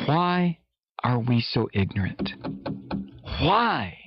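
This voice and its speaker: A man's voice: mid-range voice, big pitch swings, slow, slightly rough, no echo, dull audio. An American man on an impassioned, sarcastic political rant, speaking as a commentator with exasperated, mocking emphasis.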